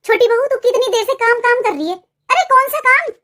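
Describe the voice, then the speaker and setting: A cartoon mother-in-law who lectures the household and hands out advice. She is played in a strikingly high voice, in the manner of animated family tales. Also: normal speed, exaggerated voice. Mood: scolding. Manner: lecturing, advising. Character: mother-in-law, scolding but caring grandmother. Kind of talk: cartoon voice acting.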